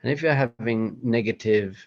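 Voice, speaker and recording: A rabbi giving a chatty, self-deprecating motivational talk with slides, breaking into acted-out voices. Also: male voice, medium pitch, moderate pace, highs cut off.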